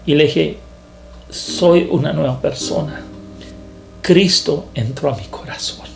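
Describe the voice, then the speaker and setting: A man, a preacher, telling his testimony in a sermon in an earnest, halting way that repeats words. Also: fairly high pitch, creaky, faint music behind.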